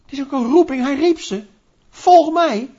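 A man preaching a sermon in a lively, conversational way, asking rhetorical questions and acting out little scenes. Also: very high voice, fast. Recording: dull lo-fi recording.

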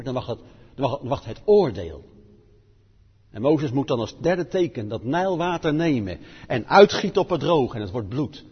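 A male preacher delivers a sermon with a husky, somewhat high voice. He swings between loud, emphatic declarations and hushed low passages. The recording is muffled and lo-fi, carried by a long church reverb. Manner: fervent, rising to emphatic declarations then dropping low and quiet.

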